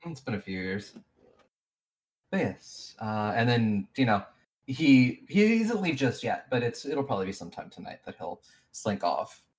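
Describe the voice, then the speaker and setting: A woman with a very low voice runs a tabletop game for her friends. Her pitch swings widely as she narrates, and she speaks in a loose, relaxed way with quick laughs and halting restarts. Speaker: game master.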